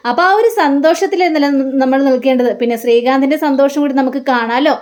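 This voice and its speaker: Give me a woman playing a caring elder brother from a family drama, speaking gently and reassuringly. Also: high voice, quick pace, lightly acted. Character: middle-aged man, caring elder brother.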